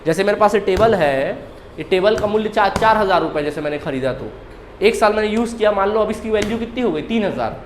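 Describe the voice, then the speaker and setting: A man teaches an accounting class in a high voice, throwing questions at his students and answering them himself. He drills key terms by repeating them over and over. The room sounds echoey, with a faint hiss of ambience behind him. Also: lively intonation, quick pace. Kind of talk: classroom lecture.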